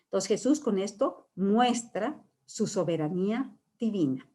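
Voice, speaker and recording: A woman teaches a catechesis class in a mellow, warm tone. She explains scripture patiently, stopping on "eh" fillers and asking her listeners questions as she goes. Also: medium pitch, expressive, measured pace. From Mexico. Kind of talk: catechesis talk on the Creed.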